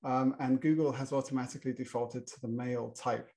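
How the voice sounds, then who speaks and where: Opening a panel discussion, this middle-aged British moderator stumbles through his introduction with frequent fillers and false starts. He speaks with a British English accent at a medium pitch, a little fast, with fairly even intonation and a slightly mellow quality.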